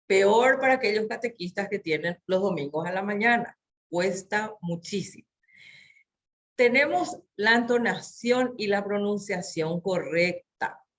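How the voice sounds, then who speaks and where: Slow, expressive woman teacher. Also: medium pitch. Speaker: catechesis teacher. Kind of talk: training lecture.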